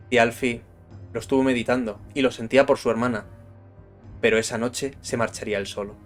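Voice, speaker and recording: A man with a Castilian Spanish accent narrating a Norse myth with dramatic storytelling. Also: medium pitch.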